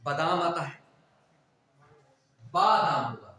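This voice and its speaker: A man with a fairly high voice teaches a grammar lesson, repeating each word and putting questions to the class. His voice rings through a very echoey classroom, picked up from a distance. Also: lively intonation, slow, sharp tone, slight background noise. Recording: echoey classroom, mic far off.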